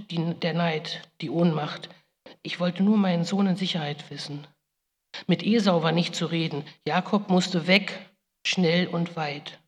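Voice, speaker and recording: In a big reverberant hall, a woman voices Rebekka, a biblical mother consumed by guilt, through a grave first-person monologue that breaks into pleading. Her voice sits low.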